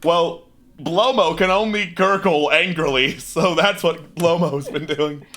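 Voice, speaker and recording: A man's voice: fairly high pitch, a little slow, fairly bright tone. A man casually and jokily narrating a tabletop game as game master.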